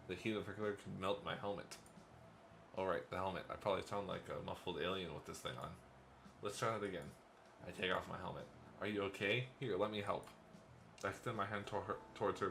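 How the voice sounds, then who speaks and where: A deep-voiced man reads a visual novel's narration aloud for a let's play, slipping in playful asides and small laughs. His voice sits low, with faint noise behind it. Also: fairly even intonation, fast talker, creaky, a bit bright. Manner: first-person game narration, playful asides and chuckles.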